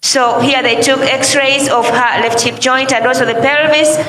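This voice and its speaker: High-voiced woman commentating at church, long hall echo, noisy. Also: steady tone, a little slow, fairly bright tone. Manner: formal, reads documents aloud. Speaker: church announcer. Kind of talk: live event commentary.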